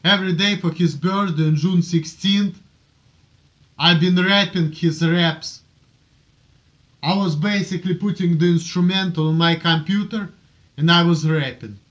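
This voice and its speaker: A man with a high, somewhat slow voice, heard through a muffled recording, talks casually to the camera in a homemade video blog. He is from Russia and has a strong Russian accent. An amateur blogger, he rambles and repeats himself while justifying his actions.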